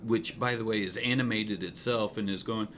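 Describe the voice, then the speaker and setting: A man narrating a tabletop game as game master, playful and lively. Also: on the low side, normal speed, very noisy.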